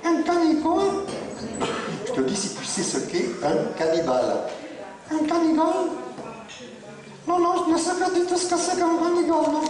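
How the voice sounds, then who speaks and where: Brief: male ventriloquist doing a high, lively, smart-alecky female puppet, sounding distant in an echoey hall. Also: normal speed, pauses often. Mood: cheeky. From Australia. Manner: sassy, smart-alecky, squeaky. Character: cheeky female ventriloquist puppet, a show star. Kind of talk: ventriloquist act. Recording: roomy hall, far from mic, crowd.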